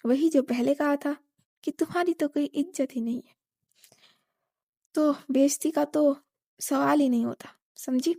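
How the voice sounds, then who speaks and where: Woman reading a bossy elder sister, mock-stern, high voice, dry sound. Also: unhurried, gravelly, pauses often, warm tone, no echo. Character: bossy elder sister, sharp-tongued hostess.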